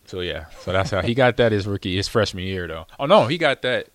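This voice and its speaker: On his own show, a host who used to play football chats casually and tells a meandering story full of fillers and laughs. His voice is fairly low and fairly bright, animated and a little fast, on a dry recording.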